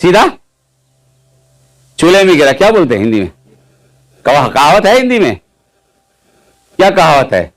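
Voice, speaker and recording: A man's voice: fairly high pitch, moderate pace, pauses often. A male preacher telling his testimony in a sermon, keeping the audience involved with frequent questions. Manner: lively storytelling, quizzing the audience with questions.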